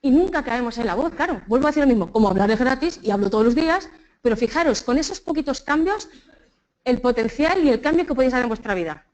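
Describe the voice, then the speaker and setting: A woman's voice: sits high, quick pace, rough recording. A woman with a Spanish accent from Spain, giving a live public speaking talk and leading the audience through exercises, checking in with them often. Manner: lively, keeps checking in with the audience. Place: conference room with an audience.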